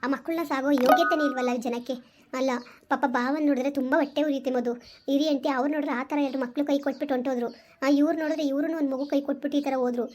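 High-voiced, fast-talking earnest woman. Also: steady tone, a little mellow. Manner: earnest, reassuring. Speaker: wife in a family vlog. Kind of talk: casual heartfelt family talk.

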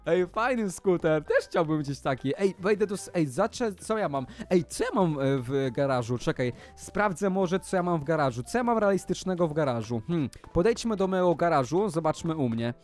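A man giving let's-play commentary in a high voice that leaps all over the place. He is excitable and exclamatory, and he keeps turning to address his viewers directly. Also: normal speed, few pauses, faint music behind. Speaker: gaming video host.

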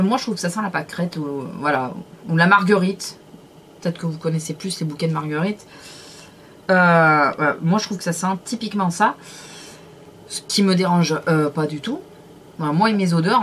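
A woman vlogger chatting through a casual beauty product review in a lowish voice. She talks in a hesitant, rambling way, full of fillers and little self-corrections. A faint hiss sits under her voice. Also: a bit bright.

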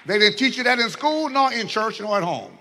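Preacher man, piercing bright tone, drops low then shouts back at the congregation. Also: sing-song, fairly quick, some chatter behind, slight background noise. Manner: call-and-response preaching, swinging from low asides to shouts. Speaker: bishop preaching. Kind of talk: sermon.

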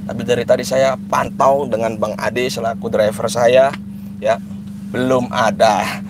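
A man's voice: medium pitch, flat delivery, a little slow. Man, live-stream host, casual chat, repeats phrases, car interior, noisy. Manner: chatty, prayerful, repeats phrases. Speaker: live-streaming spiritual healer vlogger. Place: car at night.

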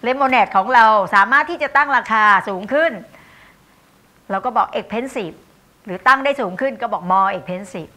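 A Thai-accented woman gives a university English lecture, her voice bright and clear. She speaks at a slow, unhurried pace, reading examples word by word. Between them she chats with her listeners and checks that they follow. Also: a little high. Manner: explains warmly and chattily, with tag questions and asides.

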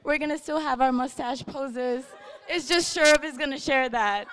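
A woman's voice: high-pitched, moderate pace, a bit bright, some chatter behind. A young woman giving a chatty, teasing wedding toast, partly read from her notes.

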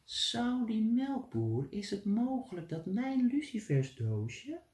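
A man's voice: high voice, huge pitch swings, slow pace, darkish tone, pitched above the performer's own voice, exaggerated voice. Man doing a raised, fretful young storybook hero, jumpy, echoey room. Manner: startled and pleading.

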